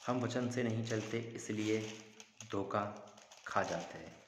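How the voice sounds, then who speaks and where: A man's voice: fairly low pitch, slow pace, slight background noise. A man preaching as a pastor and praying aloud, asking rhetorical questions and calling on the father again and again. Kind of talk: sermon and prayer. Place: church hall. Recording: echoey hall reverb.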